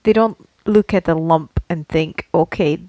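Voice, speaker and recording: Low-pitched and a little slow, her mellow voice comes through with no room sound. She's a Slovak woman co-hosting an easygoing podcast, explaining things casually and often checking her listener is following along.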